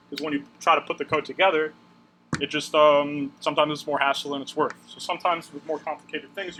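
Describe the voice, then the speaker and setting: A man's voice: fairly high pitch, bright, forceful tone. A man with a Long Island accent teaching a class informally, conversational and often checking in with short questions. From Long Island, New York. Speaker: coding instructor. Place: classroom, addressing a group. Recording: noisy echoey room, distant mic.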